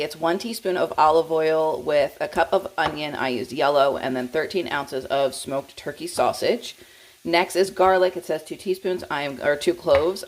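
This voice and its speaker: A woman's voice: low voice, a little hiss or hum. A woman vlogging about her food in a casual, chatty way, often breaking into informal asides and interrupting herself. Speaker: vlogger sharing meals and recipes. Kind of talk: casual cook-with-me vlog chat.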